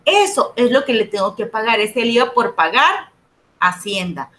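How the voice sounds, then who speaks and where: A woman's voice: on the high side, sing-song, normal speed, fairly bright tone, slight background noise. A woman teaching an accounting class online, often stopping to check that her students follow and repeating key points. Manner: asks students frequent check-in questions.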